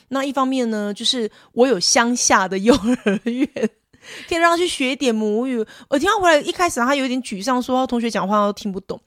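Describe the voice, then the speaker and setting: Brief: Taiwanese woman co-host, 30s, animated and laughing, rapid delivery. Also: on the high side, no room sound, clean studio sound. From rural Taiwan. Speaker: podcast co-host, mother. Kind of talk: casual chat mixing Hokkien and Mandarin.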